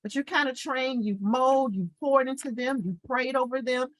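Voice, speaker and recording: A middle-aged woman co-hosting a casual podcast chat, animated and playful, acting out quotes in lively voices. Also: sits high, normal speed, no room sound, rough recording. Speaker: podcast co-host.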